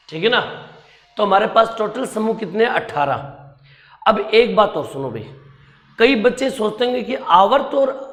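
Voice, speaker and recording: A man's voice: sits high, fairly bright tone, reverberant. A male teacher giving an exam-prep lecture, repeating key facts and quizzing his students. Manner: repetitive drilling, quizzing the students; addresses students as beta ji.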